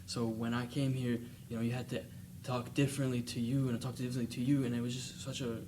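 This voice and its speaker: A young man talking in a casual student discussion, halting, with many fillers and restarts. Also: mid-range voice, flat delivery. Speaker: student panelist. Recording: distant mic with noticeable hiss.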